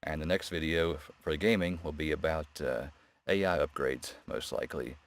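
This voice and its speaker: Casting: man with a very low voice, developer casually talking through his game, hesitant and unscripted. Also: normal speed. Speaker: game developer presenting an update. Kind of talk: casual unscripted screen-share commentary. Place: indoors beside a gaming laptop. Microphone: new microphone near a laptop.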